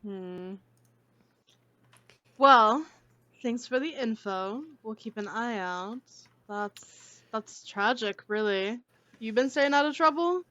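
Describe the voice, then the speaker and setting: A woman's voice: fairly high pitch, expressive, takes it slowly, long pauses, a bit bright, muffled recording. A woman player doing casual in-character role-play in an easygoing, playful way.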